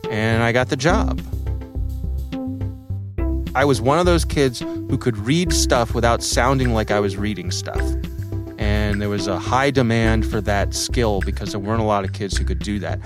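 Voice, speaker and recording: Over music, a middle-aged American man hosts a podcast and talks through his own story in a thoughtful, conversational way. His voice is fairly low and his pace moderate, suited to reflective personal storytelling.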